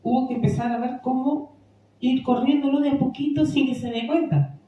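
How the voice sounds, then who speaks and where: A woman's voice: sits high, fairly even intonation, normal speed, lo-fi sound, a little hiss or hum. A woman giving an informal training talk to a parish group, conversational and often checking that listeners follow. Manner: conversational, asks the room for agreement often. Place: parish meeting room. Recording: echoey room, distant mic.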